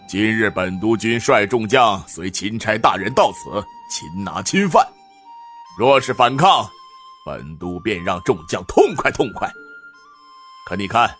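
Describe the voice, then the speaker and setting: A man's voice: fairly low pitch, a bit bright. A man voicing a boastful, bloodthirsty middle-aged army governor who swaggers and grumbles with heavy sighs.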